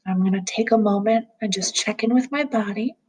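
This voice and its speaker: A woman guiding a calm grounding exercise as an instructor, speaking gently and soothingly in a soft, slightly breathy voice without hurry. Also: mid-range voice, a little fast, slight background noise.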